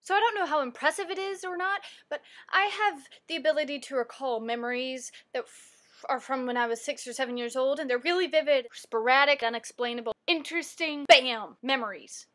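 A young woman with a high, bright-sounding voice tells a childhood story for her vlog. Her delivery is bubbly and animated. She speaks from a home office. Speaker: vlogger.

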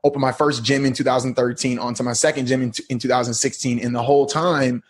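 Slangy, husky-voiced male guest. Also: mid-range voice, fast. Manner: relaxed, slangy, storytelling. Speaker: podcast guest. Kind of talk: casual interview talk.

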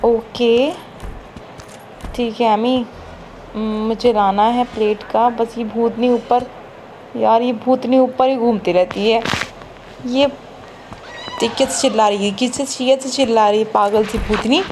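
A woman's voice: a little high, steady tone, a little slow, long pauses, background noise. A woman streamer giving casual let's-play commentary, chatty and teasing, with mock-scared exclamations. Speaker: gaming streamer.

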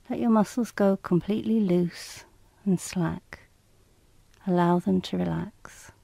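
Her voice is medium-pitched and creaky as she reads guided relaxation instructions from a script. The delivery is calm, measured and soothing, with a slightly clinical edge, and there is no audible room sound.

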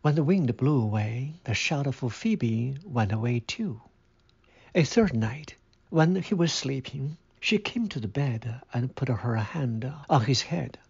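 Male narrator for a read-aloud story, measured and husky, muffled lo-fi sound. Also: mid-range voice, animated, a little mellow.

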